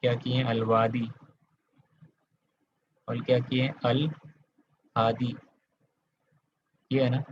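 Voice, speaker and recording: A man's voice: medium pitch, little pitch movement, slow pace, pauses often, highs cut off, a little hiss or hum. A man from Kolkata teaching Arabic grammar in an online class, explaining step by step, quizzing his students and checking in with them often. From Kolkata, India.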